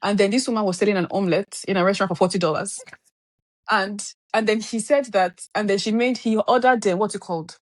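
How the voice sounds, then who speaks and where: A woman's voice: medium pitch, fairly even intonation, quick pace, no echo. A woman co-hosting a casual podcast, chatty and digressive, teasing the others while telling a story. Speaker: podcast co-host.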